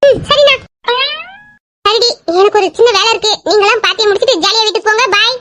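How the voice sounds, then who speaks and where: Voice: very high voice, fast, sharp tone, slight background noise. A performer voicing a cheerful, teasing young woman in an audio drama, with a playful manner that keeps breaking into laughter. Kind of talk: amateur audio drama acting.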